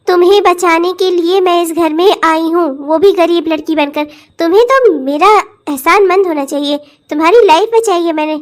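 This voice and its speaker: A sly young cartoon bride. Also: very high-pitched. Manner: wheedling, cheeky, self-assured. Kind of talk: cartoon voice acting.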